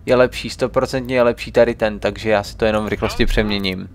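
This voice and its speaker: A man's voice: fairly low pitch, steady tone. A young man casually commenting on a video game as he plays, muttering to himself and chatting to viewers. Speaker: let's play gamer.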